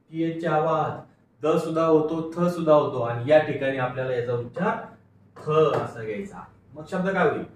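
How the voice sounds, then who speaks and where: A man's voice: fairly high pitch, a bit bright. A male teacher giving a phonics lecture, patiently sounding out each word and repeating it for pupils to read along. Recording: echoey room from far off, faint noise.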